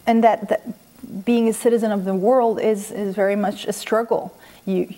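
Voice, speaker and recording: In a quiet room at home, an interview guest who grew up in Sweden after being born in Iran, a former academic now writing children's books, responds without a script. She speaks in a mellow, steady, medium-pitched voice, haltingly and thoughtfully, with pauses between phrases.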